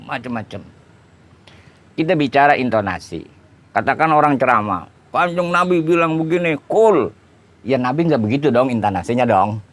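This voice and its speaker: A man preaching in a relaxed, conversational lecture, explaining points with everyday examples. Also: lowish voice. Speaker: Islamic preacher. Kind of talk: informal religious lecture.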